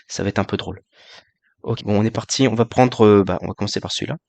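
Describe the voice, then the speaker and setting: A man's voice: on the low side, fast talker, a little mellow, dry recording. A man streamer talking casually and hesitantly to his viewers, with many fillers and restarts, in a friendly, joking way. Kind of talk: casual live-stream talk.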